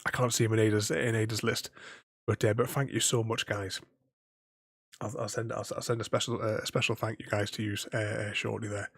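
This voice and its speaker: A man's voice: fairly low pitch, little pitch movement, fairly quick, creaky, slightly rough, no room sound, studio quality. A man chatting casually on a gaming livestream. He stutters and repeats words, laughs often and keeps thanking his viewers. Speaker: gaming streamer.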